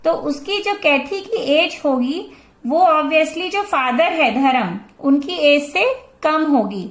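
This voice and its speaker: Slow, high-voiced Indian woman teacher. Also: expressive, reverberant. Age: 40s. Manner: slow, patient explaining that mixes Hindi and English. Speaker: math teacher. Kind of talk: classroom lesson explaining a math problem.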